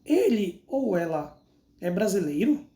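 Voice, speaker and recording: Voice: medium pitch, big pitch swings, unhurried, warm tone. An English teacher with a Brazilian Portuguese accent, giving a recorded lesson that reads out each example and then its translation. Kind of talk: slow recorded language lesson. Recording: roomy, echoey recording.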